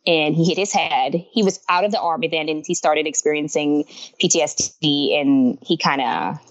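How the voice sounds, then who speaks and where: A woman's voice: deep voice, fairly even intonation, normal speed, dull audio. A woman in her thirties from Honduras, a guest artist in a casual interview, talking openly about her life and often laughing. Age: 30s. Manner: open, laughs easily, talks frankly about loss.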